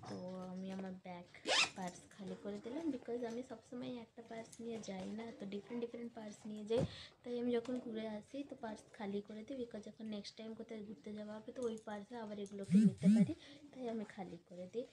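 Noisy room recording w some clicks, young bengali-native woman w a stuffy cold n sore throat just chatting to her vlog, medium pitch, bits of english mixed in. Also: steady tone, fast talker. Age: young adult. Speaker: vlogger. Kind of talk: casual home vlog chat with English words mixed in. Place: small room at home, indoors.

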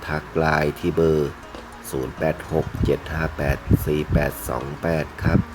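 A man presenting items for sale in a video, speaking politely in short, halting phrases over music. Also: very deep voice, little pitch movement. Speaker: fish seller presenting betta fish for sale. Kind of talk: unhurried sales video narration. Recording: music playing behind the voice.

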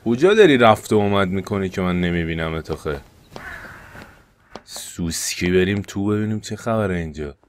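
A gaming YouTuber with an Iranian Persian accent provides let's-play commentary, his voice sitting low and expressive. He alternates between loud, panicked yelps and hushed, tense muttering, with slight background noise audible.

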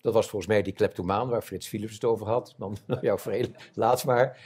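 A man in his seventies, an eyewitness telling his war memories in an interview before an audience, animated and acting out the voices of others. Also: fairly low pitch, fairly quick, husky. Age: 70s. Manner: animated storyteller, acts out quoted voices. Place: stage before a live audience.

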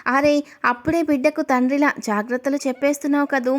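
A cheerful, joking middle-aged uncle from a narrated story, as a woman narrator puts him on. His lines come out jovial, in a voice sitting a little high. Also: fairly even intonation, fast, lightly acted.

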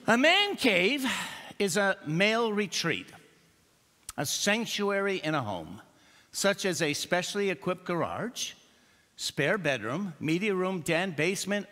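An older male pastor delivers a joking, story-filled sermon. His voice is lively and bright, with a slightly high pitch, and it rings out with long reverb in a church sanctuary.

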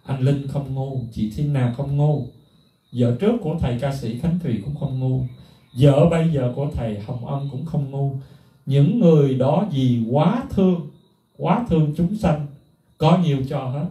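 A middle-aged man, a music teacher, talking casually to viewers in an animated, emphatic way. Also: a little high, moderate pace, recorded from a distance. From Vietnam. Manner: animated, emphatic, mimics others in a raised voice. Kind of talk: casual spoken talk to viewers. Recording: echoey room, voice from off the mic.

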